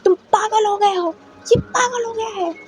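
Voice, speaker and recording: A woman's voice: extremely high pitch, measured pace, darkish tone, faint music behind, voice pushed up. A woman voicing a stern, angry father who gives harsh commands. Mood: harsh commanding. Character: stern angry father, controlling older man.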